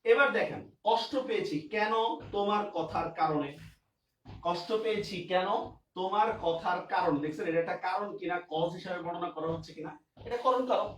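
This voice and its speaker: A high-voiced man speaks briskly in an online grammar class, repeating examples and checking often that students understand. Faint noise, a distant mic, and room echo mark the recording.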